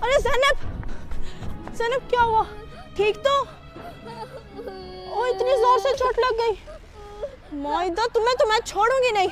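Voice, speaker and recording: Woman as a firm, caring big sister, very high, music bed. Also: unhurried, long pauses, fairly bright tone. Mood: comforting. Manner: caring but stern. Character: protective elder sister who scolds the cheater. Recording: music behind.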